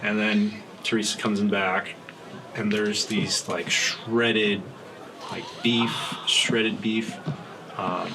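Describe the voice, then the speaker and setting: A man working as game master, improvising tabletop narration in casual, halting phrases. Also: on the low side, level tone. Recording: noisy room, ambient sound.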